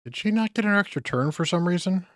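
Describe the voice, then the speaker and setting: A man's voice: high voice, expressive, fast talker, dry recording, studio quality. A tired man streaming a game, muttering casual asides and chatting with his viewers. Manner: rambling, muttering asides to chat. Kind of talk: casual live-stream chat while gaming.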